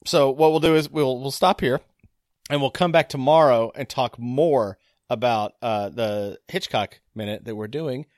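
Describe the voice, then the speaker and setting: A man's voice: mid-range voice, measured pace, darkish tone, no room sound, studio quality. A man co-hosting a casual movie podcast, playful and rambling with jokes. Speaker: podcast co-host.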